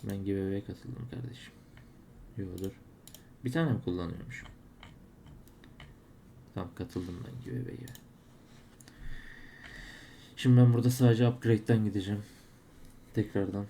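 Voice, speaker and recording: A man's voice: lowish voice, normal speed, gravelly, pauses often, dark tone, slight background noise. A man narrating his case openings as he plays, grumbling and exclaiming whenever he loses. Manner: frustrated, exclaiming at losses. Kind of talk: live commentary while opening cases.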